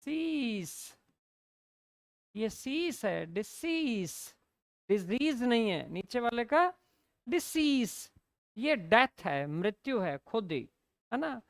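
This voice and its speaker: Slow-spelling Hindi-woman teacher. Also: fairly high pitch, sing-song, no room sound, studio quality. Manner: explains in Hindi mixed with English, slowly spells out words, asks "है ना?" often. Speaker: English teacher. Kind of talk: classroom lecture.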